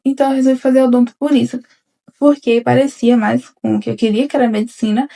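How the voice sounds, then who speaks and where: Gravelly-voiced young woman vlogging to camera. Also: a little high, mellow. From Bahia interior, Brazil. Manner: rambling, repeats "gente" often, frequent restarts. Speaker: vlogger, newly graduated dentist. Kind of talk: casual confessional vlog.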